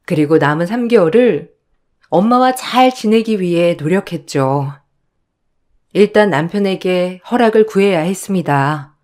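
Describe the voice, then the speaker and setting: A woman's voice: lowish voice, darkish tone. A woman narrating a first-person radio story in a rueful, confiding manner.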